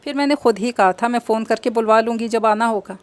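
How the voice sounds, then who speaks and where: Young wife, soft and pleading, read by a woman narrator; higher voice. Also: brisk, no room sound, close to an everyday voice. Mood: defensive. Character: young married woman, wistful and lonely.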